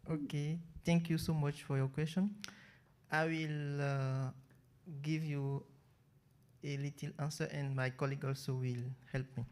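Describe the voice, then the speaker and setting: Even-toned man with Beninese French accent. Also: on the high side, measured pace. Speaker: session moderator and presenter. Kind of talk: public address at a conference session.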